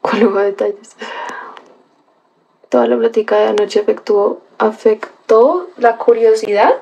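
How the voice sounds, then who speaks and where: A young woman, her voice pitched high. She tells a story in a casual livestream chat, full of exclamations and little gasps, and breaks off to greet viewers by name. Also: measured pace, vocal fry, warm tone. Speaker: livestream host reading chat.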